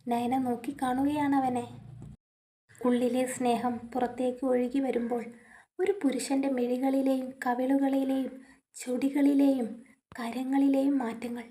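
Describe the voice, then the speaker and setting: A woman with a fairly high voice narrates a family story, audiobook style. Her reading is measured and softly expressive, moving steadily through the scenes.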